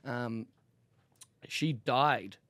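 Drawing out his words in a mid-range, slightly bright voice, a New Zealand-accented man from Auckland tells candid personal stories as a podcast guest. His storytelling is casual, giggly, rambling and slangy. There's a little hiss or hum on the recording.

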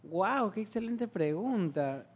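A young man, a podcast guest chatting casually and telling lively stories, acting out quotes with jokes. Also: sits high, slow, husky. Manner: animated storyteller, acts out quotes, jokey. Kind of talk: casual chat about his relationship.

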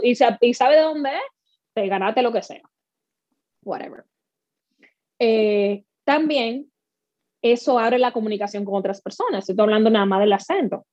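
A Dominican speaker and workshop leader with a Dominican accent appears as a guest in a conversational interview, bringing her stories to life and acting out the lines she quotes. Her voice runs a little high with a dark tone. The recording is dry and slightly dull.

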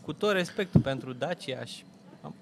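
A man in casual chat, arguing his point emphatically, with a rough, blunt way of addressing his friend. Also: medium pitch, lively intonation, a crowd in the background. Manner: emphatic, argumentative, calls people "bă" and "mă".

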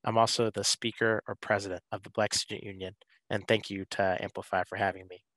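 A young man from Atlanta, a student panelist, telling his experience in a casual, animated way with quoted asides. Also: on the low side, brisk, no room sound, low-quality recording. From Atlanta, Georgia, USA. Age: young adult.

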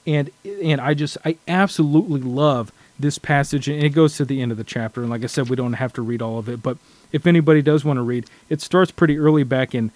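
A man's voice: mid-range voice, fast, a little mellow, no echo. A man sharing his thoughts in a casual scripture study discussion, earnest and reflective, often restarting his sentences.

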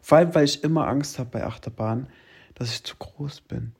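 Very low-voiced teasing woman. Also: moderate pace, gravelly, slightly rough. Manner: teasing, laughs often, drops to a quiet murmur. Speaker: co-host. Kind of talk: casual chat.

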